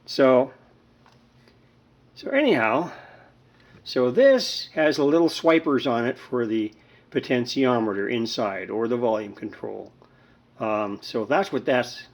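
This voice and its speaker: Speaking at a medium pitch, a man presents a home repair video as a hobbyist indoors. His talk is casual and slow, wandering along in a homespun style.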